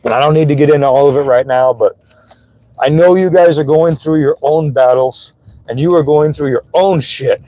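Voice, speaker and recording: A man's voice: fairly high pitch, normal speed, warm tone, dry recording, low-quality recording. A young man vlogging from his phone, talking earnestly and emotionally to his viewers, swearing casually as he encourages them. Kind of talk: motivational talk to viewers. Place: gym.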